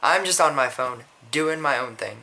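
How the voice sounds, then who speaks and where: A man's voice: medium pitch, lively intonation, normal speed, vocal fry, pushed and bright. A man telling a personal story in casual vlog style, rambling with frequent restarts and blunt, profane asides. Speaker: vlogger.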